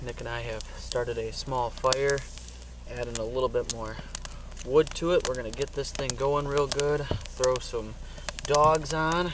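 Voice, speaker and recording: A man's voice: mid-range voice, steady tone, unhurried, noisy background. Young man, medium voice, upbeat casual camping vlog, close camera mic. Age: young adult. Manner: upbeat, friendly, rambling. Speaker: camping vlogger. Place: truck bed tent and campsite outdoors.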